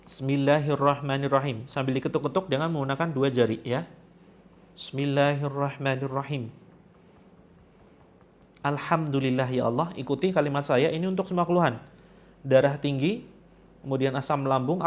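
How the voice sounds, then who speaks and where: A male coach leading a tapping therapy lesson, giving slow, soothing instructions and prayer phrases for listeners to repeat. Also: medium pitch. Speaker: spiritual healing coach. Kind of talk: guided tapping therapy session.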